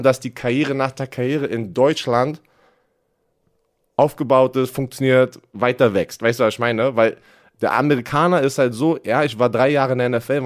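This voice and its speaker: A man in his thirties with a Berlin accent, co-hosting a casual podcast, animated and slangy, stumbling over his words and laughing often. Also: medium pitch. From Germany. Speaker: podcast co-host, former football player.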